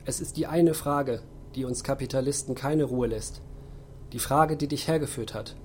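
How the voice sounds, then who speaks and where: A man voicing a mysterious, calm male guide who talks in low, hushed, deliberate tones. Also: slight background noise, close to an everyday voice. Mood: cryptic.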